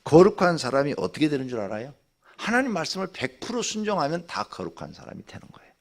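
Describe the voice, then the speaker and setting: Gravelly-voiced older Korean pastor preaching. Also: male voice, a little high, sing-song, fast talker. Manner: conversational preaching, swings from loud exclamations to near-whispers. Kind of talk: early-morning sermon and prayer. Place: church sanctuary.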